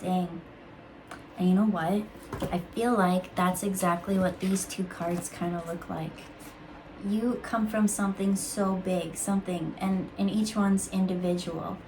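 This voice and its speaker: A woman reading intuitive cards in a casual, musing way, halting with fillers and restarts. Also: lowish voice, steady tone, darkish tone, a little hiss or hum, poor audio. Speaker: intuitive card reader. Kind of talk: casual spiritual card reading.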